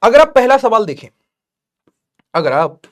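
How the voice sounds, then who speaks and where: A man's voice: extremely high pitch, sing-song, a little slow. A man teaching math in a live online class, joking and teasing students between explanations.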